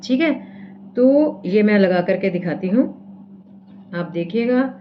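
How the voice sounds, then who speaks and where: In a casual lesson, a woman from India demonstrates acupressure step by step, regularly checking on her viewers and saying "theek hai" again and again. Her mid-range voice is animated yet unhurried. The audio is dull, carrying a little hiss or hum.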